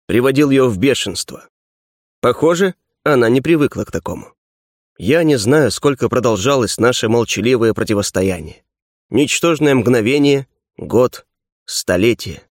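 Male narrator, mid-pitched, measured pacing with dramatic pauses, dry studio sound. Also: dry recording. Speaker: audiobook narrator. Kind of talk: scripted first-person narration.

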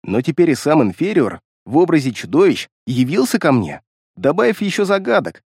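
A man's voice: on the high side, sing-song, fairly quick, a little mellow, slightly rough, no echo. A man narrating a first-person fantasy audiobook expressively, reading close to the mic.

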